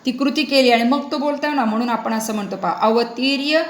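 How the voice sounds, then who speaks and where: A woman teaching a Sanskrit play, reciting each line slowly and then explaining it, often checking that the students follow. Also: a little high. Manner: often checks understanding with the class. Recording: roomy echo.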